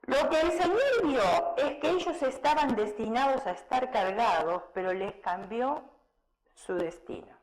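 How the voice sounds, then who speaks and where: A woman's voice: on the high side, animated, unhurried, rough recording. A woman preacher delivering a sermon, telling personal stories and asking the congregation rhetorical questions.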